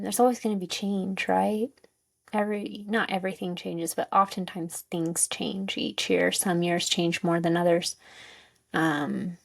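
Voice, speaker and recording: A woman giving a casual guided self-help talk as a coach, informal and tentative as she searches for words, with a creaky voice. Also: medium pitch, dry recording. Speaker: wellness coach and host.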